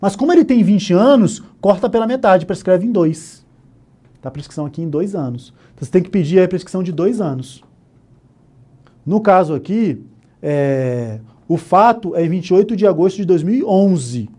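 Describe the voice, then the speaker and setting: A law instructor with a Brazilian Portuguese accent teaches an exam-prep lesson from an online course studio, working through each answer option in turn. His voice is dark and mellow yet high-pitched, with lively intonation. He explains step by step, constantly checking in with quick tags like "né?", "ok?" and "tá?".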